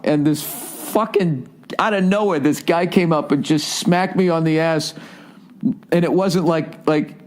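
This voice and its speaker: A male comedian with a somewhat high-set voice holds forth in a loose podcast monologue. He swears constantly and rambles through his stories. He keeps pulling the listener in with quick asides. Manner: profane, rambling storytelling; conversational, checks in with the listener.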